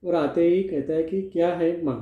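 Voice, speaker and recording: A man's voice: on the high side, normal speed, dark tone. A male teacher explaining a play line by line in a classroom lesson, asking and answering his own questions. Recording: echoey room, phone-like sound.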